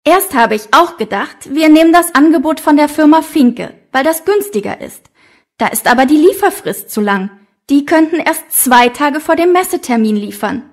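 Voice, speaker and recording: High-voiced dutiful female office assistant, acted. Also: animated, normal speed. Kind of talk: scripted language-lesson dialogue.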